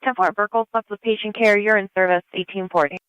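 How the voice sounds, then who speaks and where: A male dispatcher on a police scanner radio, giving brisk, routine acknowledgements in codes. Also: sits high, steady tone, smooth, no room sound, soft background music. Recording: muffled scanner radio transmission.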